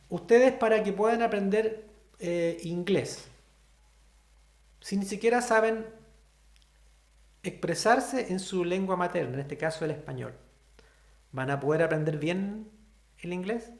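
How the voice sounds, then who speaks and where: This online sign language instructor speaks Spanish with a Chilean accent in a high voice, moving slowly and pausing often. He explains each step and keeps asking his students questions, with reverberation in the recording.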